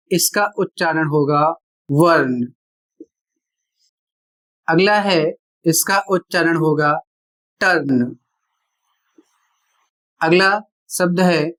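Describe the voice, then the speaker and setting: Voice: medium pitch, fairly bright tone. A teacher giving a spoken pronunciation lesson, spelling words out letter by letter and explaining each rule step by step with rhetorical questions. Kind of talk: classroom-style spoken lesson.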